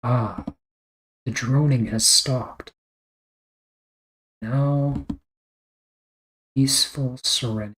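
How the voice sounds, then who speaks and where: A man chatting casually to viewers on a livestream while drawing, with a flat, deadpan delivery. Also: medium pitch, drawn-out words, pauses often, rough recording. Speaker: streamer.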